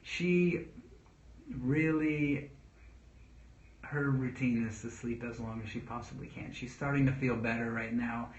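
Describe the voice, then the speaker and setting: A man in his thirties, a father giving casual parenting talk to camera, earnest and rambling, pausing to read viewer questions. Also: mid-range voice, steady tone. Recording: echoey room, dull lo-fi sound.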